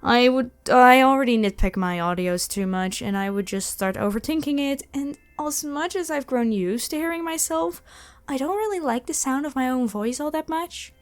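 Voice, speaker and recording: At a normal speed and in a high voice, a woman talks casually and animatedly to her audience. The audio roleplay creator and channel host comes across as self-effacing, like someone answering listener questions, with background music underneath.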